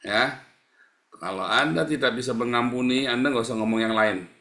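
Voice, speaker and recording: A man's voice: mid-range voice, normal speed, sharp tone. Middle-aged guy preaching live, repeats himself a lot, echoey room. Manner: preachy, repetitive, addresses listeners as "saudara". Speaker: pastor. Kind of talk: live-streamed sermon.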